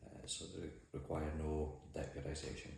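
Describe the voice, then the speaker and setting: Answering an interviewer in an office, a mussel farmer and boat skipper with a Shetland accent keeps his replies understated and matter-of-fact. His bass voice is steady and somewhat dark, with vocal fry, at a moderate pace. Heavy echo and faint noise mark the room.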